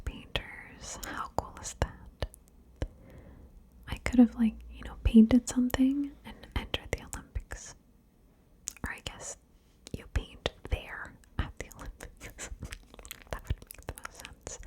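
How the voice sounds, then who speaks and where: Woman, soft whisper, slow, slightly high, chatty ASMR, ear-to-ear binaural. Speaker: ASMR creator. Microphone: binaural mic, left and right ear.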